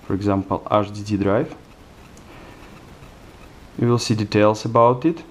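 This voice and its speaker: Man, low voice, hesitant fillers, step-by-step demo narration. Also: fairly even intonation, measured pace, a little hiss or hum. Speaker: software demonstrator. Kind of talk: screencast product demo narration.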